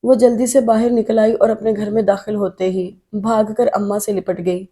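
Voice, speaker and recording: A woman narrating a novel in a steady, emotive audiobook reading. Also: medium pitch, husky.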